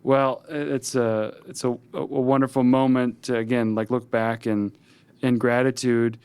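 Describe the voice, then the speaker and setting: A man's voice: medium pitch, level tone, a little slow, a little mellow, smooth. A man hosting a podcast, asking questions hesitantly with many restarts and short affirmations. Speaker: podcast host. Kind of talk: casual interview.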